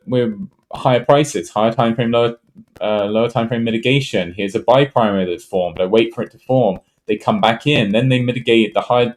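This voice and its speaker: A man's voice: medium pitch, a little mellow. A man talking casually through a chart trade review, thinking aloud with many fillers and restarts. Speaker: trading educator. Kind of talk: casual screen-share trade walkthrough.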